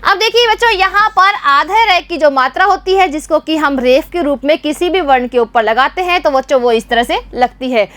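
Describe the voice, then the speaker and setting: High-pitched woman teacher, rajasthani hindi accent, drilling little kids patiently, dry close mic. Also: fairly bright tone, no echo. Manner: slow and patient, drills children with repeated questions. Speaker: primary school teacher. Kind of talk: teaching a children's Hindi lesson.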